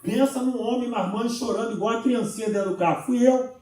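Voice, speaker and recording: High-voiced Brazilian pastor in an echoing church. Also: male voice, brisk. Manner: lively storytelling with humorous asides. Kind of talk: sermon with personal testimony. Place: church sanctuary. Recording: very echoey church, voice from far off.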